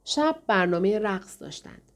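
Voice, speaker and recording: Woman, audiobook narrator, steady storytelling, mid-pitched voice. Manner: steady storytelling, voicing the characters in turn. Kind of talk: scripted narration.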